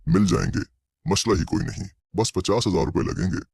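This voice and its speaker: An actor playing a greedy, menacing male sorcerer with a husky voice. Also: sits low, a little fast, a little mellow, no room sound, full character voice.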